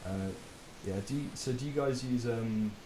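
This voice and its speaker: At a normal speed and medium pitch, a man runs his fitness podcast as a relaxed chat, laughing often and dropping the odd swear. You can hear a roomy echo and persistent background hiss.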